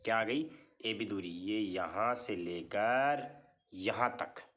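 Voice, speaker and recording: Here a man's fairly low voice carries a fairly bright tone, and his delivery is slow. His classroom-style maths lesson moves step by step, with constant checks like "theek hai" and questions that he answers on his own.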